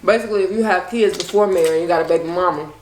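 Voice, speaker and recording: A woman's voice: fairly low pitch, rapid-fire. American woman chatting in an echoey room. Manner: emphatic, conversational, checking the listener follows. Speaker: co-host of a mukbang chat show. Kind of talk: casual relationship chat. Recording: roomy echo, clear background noise.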